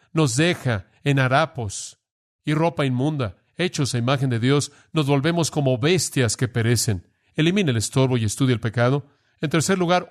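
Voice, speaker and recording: A man preaching a sermon, earnest and pressing, asking the listeners direct questions. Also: mid-range voice.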